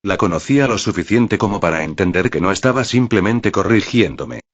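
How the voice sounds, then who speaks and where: Male narrator, deep, steady dramatic storytelling, muffled lo-fi read. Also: fairly quick. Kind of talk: first-person audiobook narration.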